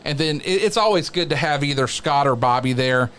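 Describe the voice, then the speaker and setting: A man who works as a wrestling announcer, chatting casually as an interview guest in a halting, reflective way. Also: fairly high pitch, animated, fairly bright tone, clean tone.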